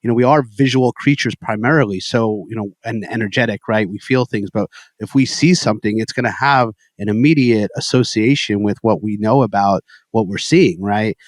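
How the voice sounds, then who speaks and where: A man from New York co-hosts a podcast in a relaxed, conversational way. His voice is fairly low and the recording is dry and close, and he often tags his points with "right?" and "you know". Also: moderate pace, few pauses, no echo. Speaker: podcast co-host, men's work coach. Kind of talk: casual conversation.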